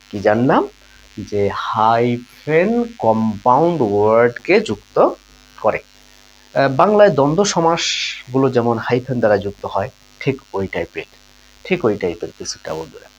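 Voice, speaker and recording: A man's voice: mid-range voice, big pitch swings, moderate pace, long pauses, poor audio. A man teaching a grammar lesson, patiently explaining rules with examples and often calling his listeners friends. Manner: patient, repeats key points, addresses listeners as friends.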